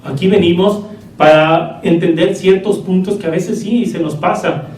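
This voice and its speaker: A man's voice: sits high, a little slow, darkish tone, roomy sound, recorded from a distance, low-quality recording. A man preaching a sermon to a congregation in a church, teaching in a conversational way and often checking in with his listeners. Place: church hall.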